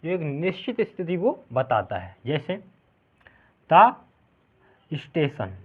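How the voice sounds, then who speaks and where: A man teaching a grammar lesson, explaining slowly, drawing out the example words and often checking whether the class follows. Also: on the high side, big pitch swings. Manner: explains slowly, keeps asking "clear?". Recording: tinny phone-like sound.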